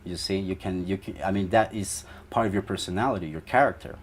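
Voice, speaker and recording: A man's voice: sits low, fast. A young man from Ecuador, a band guitarist, answering interview questions in a rambling way with many fillers.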